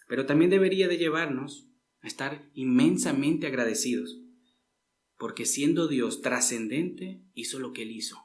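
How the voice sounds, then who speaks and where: A man preaching a sermon in a church, earnest and emphatic, often addressing listeners as brothers. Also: mid-range voice.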